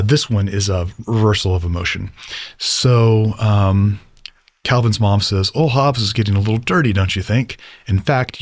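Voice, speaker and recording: A man's voice: low voice, dry recording, studio quality. A man teaching about storytelling in a casual lecture, rambling and enthusiastic with lots of fillers.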